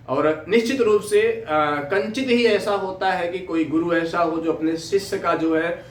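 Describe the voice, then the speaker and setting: A man with an Indian accent giving an earnest moral talk to students, telling stories haltingly with repeated filler phrases. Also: high-pitched, a little hiss or hum. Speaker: teacher giving a motivational talk. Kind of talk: moral storytelling and exhortation to students. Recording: echoey room, distant microphone.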